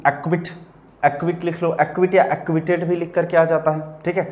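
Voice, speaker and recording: A man's voice: fairly high pitch, little pitch movement, fairly quick, darkish tone. Guy teaching word meanings to students, patient, keeps checking in, roomy echo. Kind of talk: vocabulary lesson.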